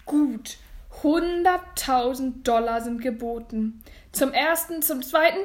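A woman voicing a flustered middle-aged male auctioneer who calls out bids loudly and eagerly, read as a storybook. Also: high voice, takes it slowly. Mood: agitated. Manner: loud, eager auction calling.

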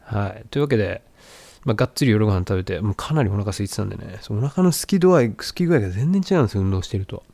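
A man with a fairly low voice speaks in a casual vlog style. He thinks aloud in a conversational, reflective manner. The sound is dry, with very little room echo. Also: animated, racing, vocal fry, mellow. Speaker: vlogger. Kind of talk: casual training vlog talk.

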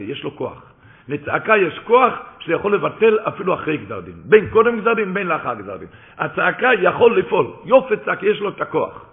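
A man's voice: fairly high pitch, creaky. Male preacher, emphatic and repetitive, chanted quotations; thin phone-quality sound. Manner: emphatic, repeats key phrases, quotes sources in a chanting cadence. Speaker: rabbi. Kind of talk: sermon. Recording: tinny phone-like recording.

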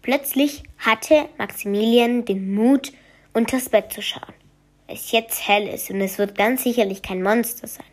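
A woman reading a children's bedtime story aloud, softly, sometimes dropping to a whisper for suspense. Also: a little high, unhurried. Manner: soft, at times whispered for suspense.

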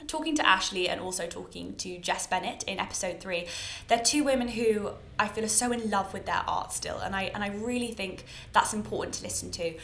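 Podcast host: British woman, early twenties, mid-pitched, gushing and informal, echoey home-made sound from under a towel. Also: a little fast, gravelly, fairly bright tone, slight background noise. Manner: effusive, self-deprecating, emphatic. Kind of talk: chatty, informal podcast monologue. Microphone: own bought podcast microphone. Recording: echoey homemade podcast recording.

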